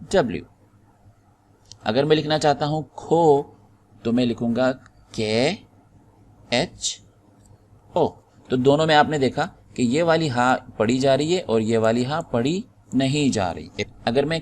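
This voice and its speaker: A man's voice: mid-range voice, a little mellow, slight background noise. A man teaching typing in a screen-recorded tutorial, patiently explaining step by step and spelling out the keys one at a time. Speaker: typing instructor.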